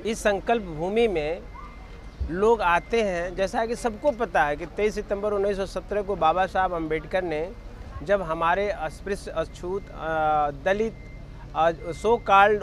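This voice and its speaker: A man giving a measured, formal statement to a reporter outdoors, pausing with fillers. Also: sits high, a little hiss or hum. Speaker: interviewee, association general secretary.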